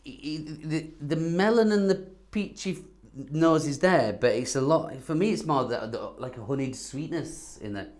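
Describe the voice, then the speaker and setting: A man's voice: a little high, normal speed, a little mellow. A man co-hosting a casual wine tasting, agreeable and lightly teasing. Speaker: wine reviewer co-host.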